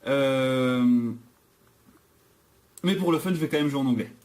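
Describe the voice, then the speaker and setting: A man's voice: medium pitch, measured pace, a little mellow, slight background noise. Nervous, jokey gamer man. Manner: nervous, jokey, restarts often. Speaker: gaming channel host. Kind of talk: let's play commentary.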